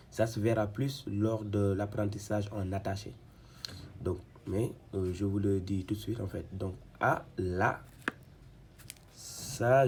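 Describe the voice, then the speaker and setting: A man with a fairly low voice walks learners through a reading lesson one syllable at a time. He repeats each sound patiently and often stops and restarts mid-sentence, with a faint noise in the background. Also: mellow. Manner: patient, repetitive, spells out syllables slowly; frequent hesitations and restarts. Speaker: Quran reading teacher.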